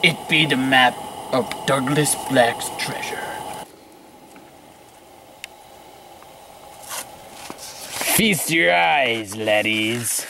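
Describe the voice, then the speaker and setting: A man playing a male pirate crewman in an amateur pirate film, speaking in theatrical pirate talk with drawn-out growls. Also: mid-range voice, gravelly, background noise. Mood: scheming.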